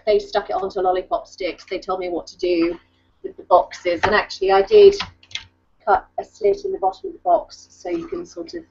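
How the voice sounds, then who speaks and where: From a book-lined room at home, a woman in her thirties who blogs about crafts shows her work over a webcam call, chatting casually and often cutting herself off. Her medium-pitched voice has vocal fry and is a little mellow. The video call audio is dull and lo-fi.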